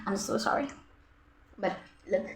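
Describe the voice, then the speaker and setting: A woman's voice: drawn-out words, a bit bright. A young woman, chatting dramatically in a casual vlog, mixing Hindi and English. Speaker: vlogger.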